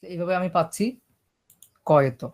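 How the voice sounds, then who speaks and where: A man teaching a screen-recorded typing lesson, explaining each step slowly and checking that his listeners are following. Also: high-pitched, steady tone, darkish tone. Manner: explains step by step, often checking "ঠিক আছে?". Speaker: computer typing instructor.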